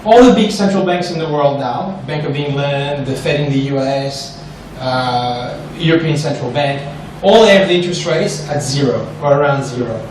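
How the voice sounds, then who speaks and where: At a normal speed with few pauses, a medium-pitched French investment specialist animatedly presents a seminar to a crowd in a large echoing room. He frequently asks "right?" and questions his audience, and the recording, made from a distance, has slight background noise.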